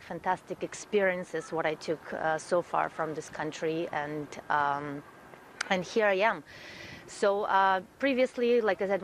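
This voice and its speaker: Woman, earnest and low-voiced. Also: fairly bright tone, a little hiss or hum. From Russia. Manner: earnest, frequent fillers and repeated words. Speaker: guest, event producer. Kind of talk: guest interview, self-introduction.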